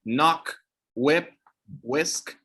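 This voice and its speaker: A young Brazilian man, a co-host teaching expressions, chats casually in English with a Brazilian accent, his first language being Brazilian Portuguese. He thinks aloud and hunts for words, speaking extremely slowly in a slightly high, pushed, bright, somewhat rough voice.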